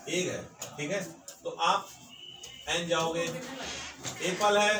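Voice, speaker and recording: A man's voice: on the high side, slow. A man teaching an English grammar lesson, emphatic and repetitive, often adding "sir" as he drives his points home. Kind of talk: classroom-style grammar lesson. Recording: echoey room, mic far off, background noise.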